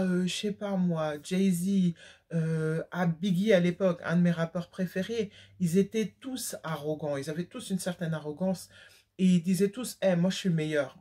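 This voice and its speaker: A young French woman vlogger talks candidly to her viewers in a casual to-camera vlog, emphatic and full of slang and fillers. Her voice is on the low side, with a dark tone and a breathy edge.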